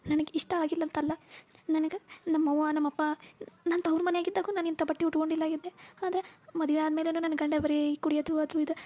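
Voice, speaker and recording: A woman voicing a middle-aged village woman in a cartoon, soft and heartfelt, with a North Karnataka accent. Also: high voice, natural voice. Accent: North Karnataka Kannada.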